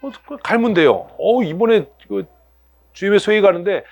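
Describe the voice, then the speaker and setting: A man's voice: high voice, very animated, moderate pace. A male pastor preaching a sermon to his church, asking the congregation rhetorical questions and acting out everyday scenes in other voices. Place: church sanctuary.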